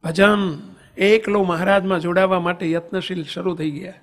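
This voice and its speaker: A man's voice: sits high, steady tone, moderate pace, fairly bright tone. A man, a monk, giving a devotional sermon with emphatic rhetorical questions and anecdotes. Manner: tells anecdotes and sings verses. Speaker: monk preacher.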